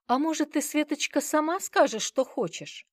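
Read by a woman, a fawning old grandmother from an audiobook, all sweet ingratiating coaxing. Her voice rides up high and swings widely. The sound is dry and close. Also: animated, moderate pace, dry recording. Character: fawning, flattering elderly grandmother. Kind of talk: audiobook character reading.

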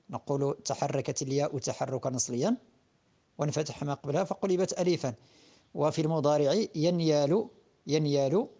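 A man with a Moroccan accent teaching a grammar lesson, patiently repeating word forms and pausing on drawn-out fillers. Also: a little high, dark tone. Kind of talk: classroom-style lesson.

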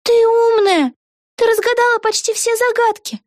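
Woman doing a squeaky eager girl witch. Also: moderate pace, dry recording, studio quality. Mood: urging. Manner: insistent, encouraging. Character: young girl witch, eager loyal friend.

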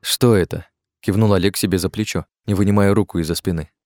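Male narrator, very deep, measured storytelling, dry close sound. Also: fairly even intonation, a little mellow, no room sound. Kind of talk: audiobook narration.

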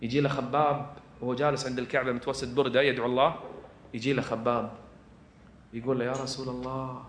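A man preaching with a Kuwaiti accent, moving from quiet asides to loud, fervent exhortation. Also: medium pitch, flat delivery, fast talker, slight background noise. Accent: Kuwaiti Arabic. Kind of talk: religious lecture to an audience. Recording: echoey room.

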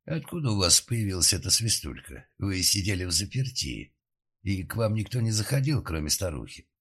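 A man voicing a calm, methodical male psychotherapist who asks questions in an audiobook. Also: low-pitched, moderate pace, slightly rough, heavily acted.

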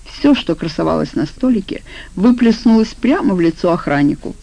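A woman narrating an audiobook in a steady, even storytelling voice. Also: lowish voice, a little fast, vocal fry, no room sound, low-quality recording. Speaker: audiobook reader.

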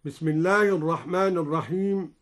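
A man teaching Quran recitation, explaining reading variants in a measured, formal way and chanting each quoted verse in slow recitation, recorded in a radio studio. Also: on the high side.

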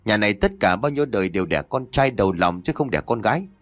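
A man's voice: on the low side, animated, no echo, natural voice. A man doing a spiteful mother-in-law. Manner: venomous, nagging and rapid. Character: spiteful scornful middle-aged mother-in-law.

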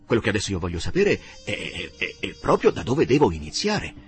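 A man playing a humble rough young man. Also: fairly low pitch, huge pitch swings. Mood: earnest, humble. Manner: humble, hesitant, halting with fillers. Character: rough, earnest young working-class man.

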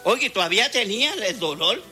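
Fervent high-voiced man preaching. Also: expressive, a little fast, sharp tone, faint music behind. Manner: fervent, laughing, acts out dialogue. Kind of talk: Spanish sermon with testimony.

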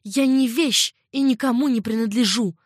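Proud young captive lady, all fired up and indignant, woman reading her higher, dry sound. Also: fairly quick, no echo, natural voice. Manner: indignant, raised and heated.

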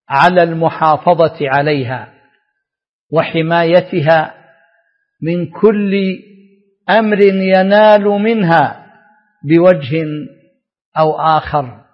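A man delivering a scripted religious lecture to listeners in formal Standard Arabic, with measured phrasing and pauses. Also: sits high. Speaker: religious scholar addressing radio listeners. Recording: dull lo-fi, long hall reverb.

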